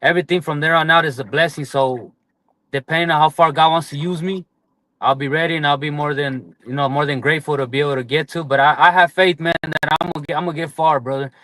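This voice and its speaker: Fast-talking young boxer, earnest and heartfelt. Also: male voice, on the high side, fairly even intonation, sharp tone, no echo. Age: 20s. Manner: earnest, heartfelt, repeats "man" and "brother". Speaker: boxer guest. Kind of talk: casual interview chat.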